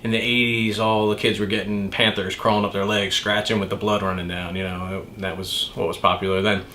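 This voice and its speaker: A tattoo artist telling a rambling, profane story in a casual, chatty way. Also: male voice, on the low side, little pitch movement, fairly quick, sharp tone, slight background noise.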